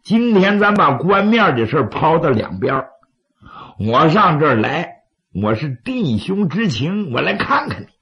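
A man, as a dramatic storyteller, voicing a pushy, hot-headed sworn brother with a gravelly voice. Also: fairly high pitch, very animated, measured pace. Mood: insistent. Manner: insistent, dramatic storyteller's character voice. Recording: slightly dull, lo-fi audio.

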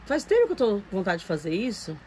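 A woman's voice: medium pitch, wildly swooping pitch, fast talker, dark tone, a little hiss or hum, low-quality recording. A woman with a Brazilian Portuguese accent chats casually to her viewers at home, cooing fondly over a reborn doll. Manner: chatty and doting, coos at the doll. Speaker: reborn doll collector vlogger. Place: home room with doll shelves.

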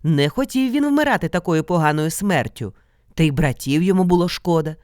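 A woman storyteller reads a folk tale aloud in a theatrical, expressive way. Her voice sits low, yet her pitch swings widely from line to line. The sound is close and dry. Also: fairly quick, dry recording. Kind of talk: scripted folk-tale narration.

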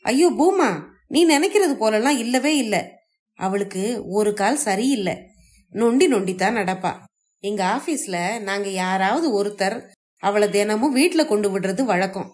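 A woman voicing a smooth-talking, scheming young husband in a read-aloud family story, in a coaxing, falsely gentle manner. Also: mid-range voice, lively intonation, normal speed, close to an everyday voice. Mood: placating.

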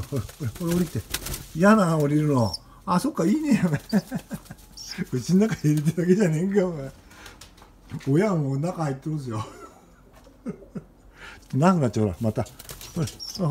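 Man with a lively voice coaxing a pigeon. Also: on the high side, normal speed, pauses often, slight background noise. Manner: rough casual speech, coaxing and scolding the bird. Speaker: pigeon keeper. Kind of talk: casual talk to camera and to a pet bird.

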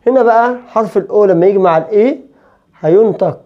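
A woman with an Egyptian Arabic accent teaching an English pronunciation lesson, explaining quickly and then drawing out each example word slowly and repeating the list. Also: medium pitch, highs cut off.

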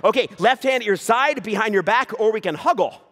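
A man's bright, ringing voice bounces all over the place as he teases a volunteer onstage. His banter is playful and quick, breaking into shouts to pump up the audience. It is a live comedy juggling act. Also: sits high, animated. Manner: playful teasing banter, bursts of shouted crowd hype. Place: live stage before an audience.

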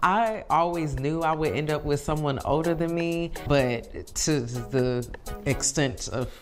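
A woman's voice: low-pitched, a little slow, over music. A woman in her thirties talking candidly and upbeat in a documentary interview, recorded with a clip-on mic. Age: 30s.

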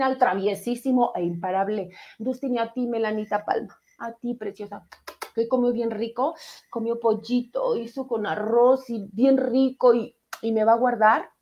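A middle-aged woman with a Mexican Spanish accent hosting a live radio stream, chatting warmly and greeting viewers by name as she reads their comments. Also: a little high. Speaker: radio show host. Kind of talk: casual live-stream chat reading comments.

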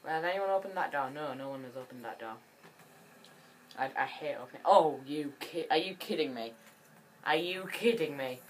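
A woman giving chatty, excitable gameplay commentary that rambles and restarts. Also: low voice, moderate pace, slight background noise. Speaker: gaming channel host.

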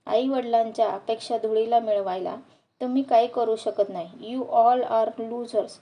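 A woman's voice: fairly high pitch, fairly even intonation, a little slow, muffled recording. A woman reading aloud and voicing a strict female college professor who scolds her failing students with contempt. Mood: stern scolding.

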